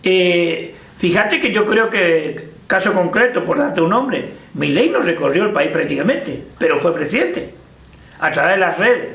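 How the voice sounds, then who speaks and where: A man's voice: sits high, animated, measured pace, a bit bright, reverberant. An older man with an Argentine Spanish accent, recalling the past in a hesitant interview, full of fillers and restarts. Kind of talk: casual reminiscing interview.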